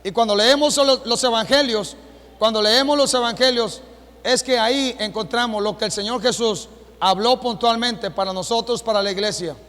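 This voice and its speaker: A Mexican man preaching a sermon as pastor, with a Mexican Spanish accent, asking the congregation rhetorical questions and rising to shouts. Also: very high voice, normal speed. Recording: long hall reverb.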